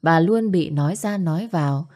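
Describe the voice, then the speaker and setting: A woman narrating an audio story in a steady, even read. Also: lowish voice, moderate pace.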